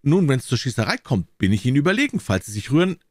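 A cowardly male blackmailer, voiced by a man reading aloud, who sounds shrill, agitated and short of breath. The voice sits well above the reader's deep natural tone. It is recorded dry and close. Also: sing-song, fast talker, darkish tone, no room sound. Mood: defiant.

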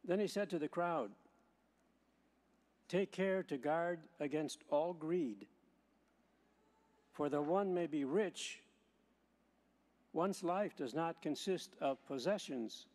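A man, a priest, reading the gospel and preaching in a measured way, slowing to stress key words, with a long church echo around his voice. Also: fairly high pitch, a little mellow. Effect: long church hall echo. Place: large church. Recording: long reverb of a large church.

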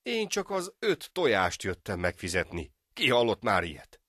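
A man voicing a poor, humble discharged soldier in an animated folk tale, speaking in an earnest, pleading way. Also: on the low side, no room sound, clean studio sound, voice pushed up, heavily acted. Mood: distressed.

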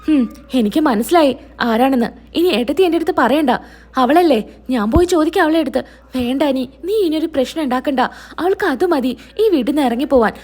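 A woman's voice: sits high, expressive, fast, a little mellow. A woman voicing a hot-headed young man who presses with indignant questions in defense of his sister-in-law.

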